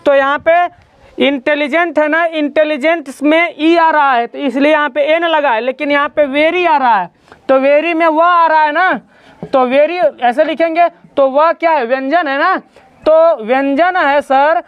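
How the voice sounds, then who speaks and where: Male teacher, high voice, dull lo-fi sound, explaining step by step in a classroom. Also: steady tone, moderate pace, dry recording. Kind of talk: classroom grammar lesson.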